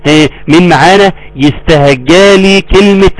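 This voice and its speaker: A middle-aged man with an Egyptian accent leads a live recitation lesson. His voice sits a little high for a man. The sound is close and dry, with no room echo. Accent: Egyptian Arabic. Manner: explains, then draws verses out slowly. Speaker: Quran recitation teacher.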